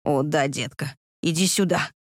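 A woman voicing a domineering man in an audiobook, speaking in a low, husky, commanding murmur. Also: normal speed, dry recording, studio quality. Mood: husky whisper. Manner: hushed, commanding. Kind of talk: audiobook character voice.

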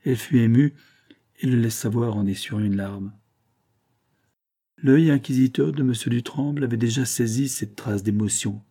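A man reading a novel aloud as an audiobook narrator, in a measured, literary style. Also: medium pitch, dark tone, slightly rough. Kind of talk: scripted narration.

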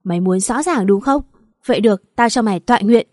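A woman's voice: mid-range voice, animated, fairly quick, a little mellow, dry recording, natural voice. Woman doing angry young guy voice, harsh and scornful, dry close sound. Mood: contemptuous. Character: furious young man, bitter and accusing.

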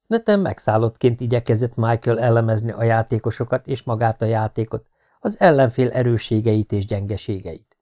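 A man reading an audiobook novel in a steady, measured narration. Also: mid-range voice, muffled recording.

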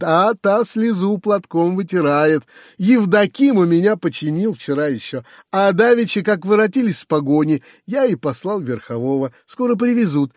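A man voicing a fat, blunt country landowner who talks in a folksy, rough, confiding way. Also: high voice, dry recording, clean studio sound.

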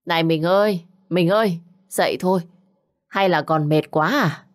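A woman's voice: on the low side, moderate pace, natural voice. A woman voicing a frantic older village wife, crying out and wailing for help in a Vietnamese folk tale. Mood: coaxing.

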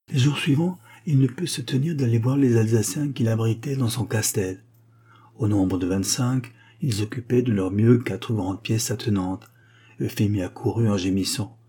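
A man narrating a story in a measured, even reading style. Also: fairly low pitch, husky. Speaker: audiobook narrator. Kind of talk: scripted narration.

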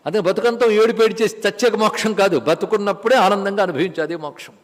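A man with a Telugu accent giving a religious discourse on scripture, telling stories and chanting verses slowly. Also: high-pitched, long reverb tail. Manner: storytelling, chanting verses in a slow measured tone. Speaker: spiritual lecturer.

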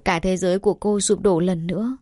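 Brief: woman narrator, middle pitch, steady emotive storytelling, dry close-miked studio sound. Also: fairly quick, dry recording. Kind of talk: scripted romance audiobook narration.

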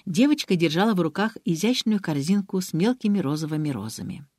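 Expressive woman reading an audiobook. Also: fairly low pitch, a little fast, no echo, studio quality. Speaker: narrator. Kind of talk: audiobook narration.

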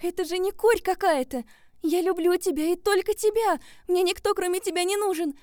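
A woman's voice: sits high, moderate pace, dark tone, no room sound, clean studio sound, pitched above the performer's own voice, lightly acted. A woman voicing a young woman in love who pleads tearfully and desperately, in an audiobook. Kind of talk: audiobook character voice.

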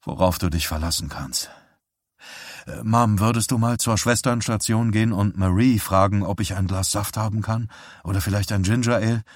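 A frail young man recovering in hospital, tired and soft-spoken, read by a man in an audiobook. His voice sits low and dry. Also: normal speed, no room sound, natural voice.

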